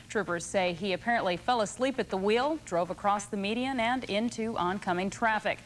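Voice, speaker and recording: A woman reading scripted television news as an anchor. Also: medium pitch. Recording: faintly noisy early 1990s TV broadcast.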